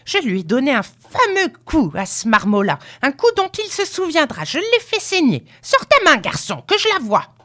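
A woman voicing a fierce, imperious old grandmother who barks orders in loud, shrieking outbursts. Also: high-pitched, very animated, a little slow, voice pushed up, heavily acted. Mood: furious, commanding.

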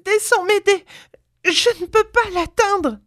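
A woman voicing a frantic, grieving old mother who shrieks and pleads in a high, strained voice. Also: takes it slowly, a bit bright, full character voice. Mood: desperate.

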